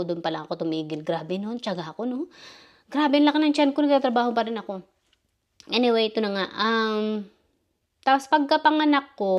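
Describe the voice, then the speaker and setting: A woman from the Philippines in her thirties telling a personal story in a casual vlog, rambling and often stopping to correct herself. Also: mid-range voice. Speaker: vlogger.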